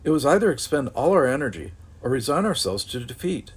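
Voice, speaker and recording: A man doing a calm, formal android. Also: mid-range voice, a little fast, slightly rough, voice pushed up. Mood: earnest. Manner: precise and formal.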